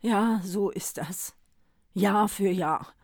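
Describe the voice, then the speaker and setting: A woman's voice: medium pitch, slow, dry recording, studio quality. A woman voicing an exhausted, weepy old Santa Claus who speaks wearily and pleadingly. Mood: weary. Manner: weary, pleading.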